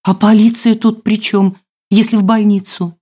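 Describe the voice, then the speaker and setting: A woman's voice: medium pitch, level tone, normal speed, dark tone, husky, voice pushed up, lightly acted. A woman reader voicing a sleepy, suspicious older woman speaking through a locked door in an audiobook. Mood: wary. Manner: suspicious, hesitant.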